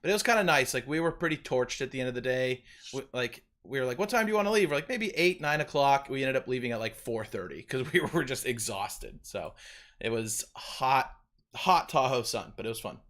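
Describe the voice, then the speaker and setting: A man's voice: mid-range voice, expressive, a little fast, a bit bright. A young man hosting a casual sports podcast, easygoing and chatty, laughing often. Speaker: podcast host.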